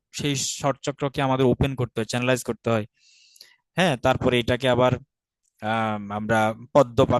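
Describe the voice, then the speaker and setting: A man with a Bangladeshi Bengali accent teaching a Sanskrit lesson online, patiently repeating each word slowly for pronunciation. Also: mid-range voice, no echo.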